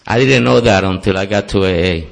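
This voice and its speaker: A man from Costa Rica, whose first language is Spanish and whose accent is Costa Rican Spanish, gives an earnest personal testimony at a recovery meeting in a meeting hall, mixing in self-deprecating humor. His voice sits low with vocal fry, and he speaks at a moderate pace.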